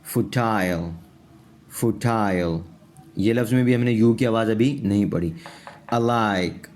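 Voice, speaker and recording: A man's voice: on the low side, mellow. A man with a Pakistani accent teaching English pronunciation in Urdu, patiently repeating each word and checking in with his students.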